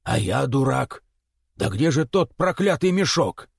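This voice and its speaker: A man's voice: mid-range voice, big pitch swings, measured pace, vocal fry, husky, no room sound, studio quality, exaggerated voice. A man doing a blustering old-world Cossack villager. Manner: exclaiming, grumbling. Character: blunt, suspicious middle-aged Cossack villager.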